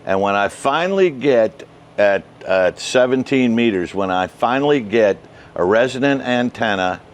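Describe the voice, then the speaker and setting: Animated and moderately paced at a medium pitch, an older ham radio vlog host talks viewers through the details step by step in a casual manner. He is out in a suburban backyard by the patio and shed, with a wireless lapel mic fastened to his shirt.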